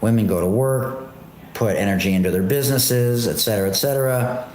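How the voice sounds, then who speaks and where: A man's voice: on the low side, brisk, darkish tone, slight background noise. A man hosting a casual livestream from a home art studio and kitchen area, talking in a laid-back, rambling way with many fillers, his voice carrying a strong room echo. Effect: echoey room reverb on the voice. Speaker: podcast host and online shop seller. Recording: echoey room with faint background ambience.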